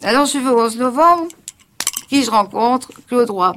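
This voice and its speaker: An older woman telling her memories on the radio, halting, with many fillers and restarts, bringing others' words to life as she tells them. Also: fairly high pitch, lively intonation, a bit bright, slight background noise. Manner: vivid storyteller quoting others. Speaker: witness recounting her past. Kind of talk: spoken memoir on radio.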